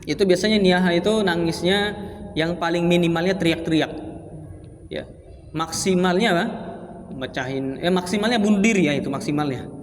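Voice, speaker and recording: High-voiced man lecturing in a reverberant mosque. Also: brisk, long pauses, a little hiss or hum. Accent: Indonesian, Palembang. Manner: asks the audience rhetorical questions and answers them; explains Arabic text phrase by phrase in casual Indonesian. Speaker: ustadz teaching a mosque study circle. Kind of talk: Islamic study lecture. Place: large mosque hall. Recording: long reverb of a mosque hall.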